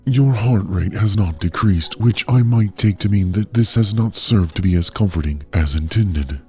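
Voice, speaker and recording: An actor playing a calm, coldly polite AI caretaker, a gentle care robot that speaks in a soothing, measured, clinical way. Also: male voice, deep voice, slightly rough, soft background music. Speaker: AI overseer of a medical trial. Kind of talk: audio drama narration.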